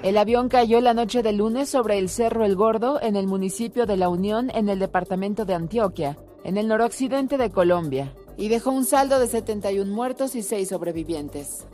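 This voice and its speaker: A woman's voice: mid-range voice, normal speed, few pauses, warm tone. Female news narrator over faint music.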